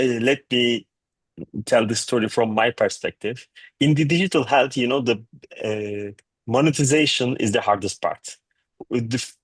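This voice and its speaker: A man, a startup founder answering a panel's questions on a video call, halting with many restarts. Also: medium pitch, a bit bright, dry recording. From Turkey.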